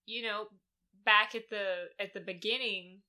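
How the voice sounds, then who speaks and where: Bright-toned laid-back woman podcast co-host. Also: mid-range voice, fairly even intonation, a little slow. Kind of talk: casual podcast chat.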